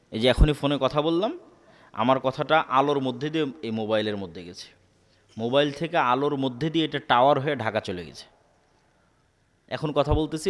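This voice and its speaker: Preacher man with an echoing hall reverb. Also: medium pitch. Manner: asks the crowd rhetorical questions and repeats key words emphatically. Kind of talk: Islamic sermon to a live audience. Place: public sermon gathering.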